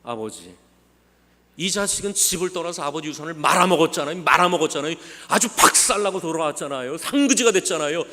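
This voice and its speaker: A man's voice: on the high side, expressive, quick pace, voice pushed up. A man voicing an angry young older brother who complains that he worked while his brother wasted everything. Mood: furious shouting. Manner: shouting, indignant complaints. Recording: long church hall reverb.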